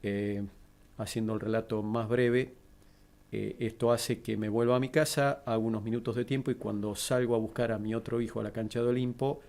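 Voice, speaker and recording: A middle-aged man with an Argentine accent, a guest in an interview, calmly recounting a personal tragedy. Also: on the low side, creaky. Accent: Argentine Spanish. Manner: measured, steady, composed.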